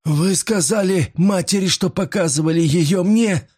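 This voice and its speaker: A man voicing a nervous old male pawnbroker who pleads breathlessly, rising into shrill panic. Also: a little slow, a little mellow, slightly rough. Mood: panicky.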